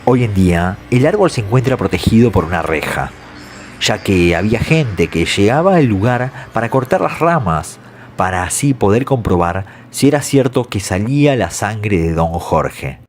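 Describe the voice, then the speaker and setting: A man narrates scripted horror legends in a measured storytelling way. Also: fairly low pitch, lively intonation. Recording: faint music behind the voice. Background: soft background music.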